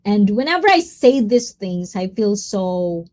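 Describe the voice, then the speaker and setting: Her voice sits at medium pitch, very animated yet a little slow and slightly mellow. Hosting a live stream, she chats loosely, reads viewer comments aloud, mixes Tagalog words into her talk, and drifts between subjects.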